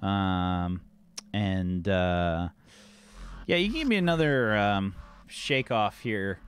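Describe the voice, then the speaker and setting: Casual, halting male game master, lowish voice. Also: animated, clear, resonant tone. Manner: casual, halting, searching for words. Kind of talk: improvised tabletop game narration.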